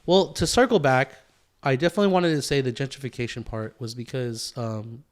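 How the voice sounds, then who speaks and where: An American man with a medium-pitched, brisk voice co-hosts a podcast in casual conversation. He rambles and repeats himself for emphasis.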